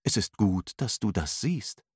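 A man voicing a calm female mentor who gives firm, encouraging instructions, read as part of a storybook narration. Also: on the low side, unhurried, breathy edge, no echo, clean studio sound, full character voice. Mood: instructive. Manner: instructive, commanding.

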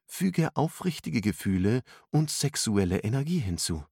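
A man voicing a calm female mentor who gives firm, encouraging instructions, read as part of a storybook narration. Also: lowish voice, normal speed, gravelly, husky, dry recording, clean studio sound, voice pushed up, heavily acted. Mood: instructive. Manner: instructive, commanding.

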